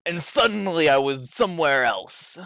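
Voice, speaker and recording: A man's voice: on the high side, big pitch swings, normal speed, creaky, sharp tone, no echo, full character voice. A man voicing a dim, proud, muscle-obsessed dude bro monk in a tabletop role-playing game, enunciating word by word like a gym bro. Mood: earnest, reminiscing. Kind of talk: in-character tabletop role-play.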